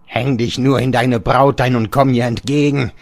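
A man's voice: mid-range voice, fairly even intonation, moderate pace, gravelly, no room sound, voice pushed up, close to an everyday voice. A man voicing a raging old father. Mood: mocking. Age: older. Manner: ranting, raising his voice in bursts. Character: old bedridden father, furious and scornful. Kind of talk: audiobook reading.

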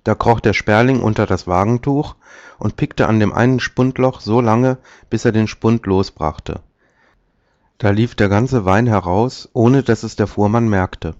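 A man reads an old fairy tale aloud in a calm, measured way, his voice fairly low. The recording is muffled and lo-fi. It is completely dry, with no room sound. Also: no room sound. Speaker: narrator.

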